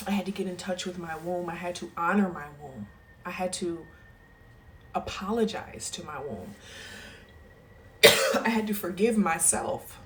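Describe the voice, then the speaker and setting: A woman's voice: lowish voice, a bit bright, slight background noise. A woman wellness coach giving a motivational talk, emphatic and emotional, checking in with "okay?" after nearly every point. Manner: emphatic, keeps adding "okay?"; emotional, close to tears.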